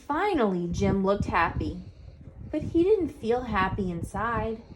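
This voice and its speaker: A woman narrates a picture book for children. Her pitch is animated and varied, and she takes her time, pausing for drama. Clear noise runs behind her voice. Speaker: storybook reader. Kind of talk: expressive children's story narration.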